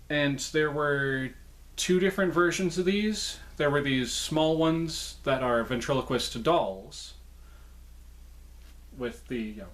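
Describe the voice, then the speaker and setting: In a chatty, informal show-and-tell, a male presenter walks through his puppet collection, often correcting himself as he goes. His voice sits at a medium pitch with a fairly bright tone.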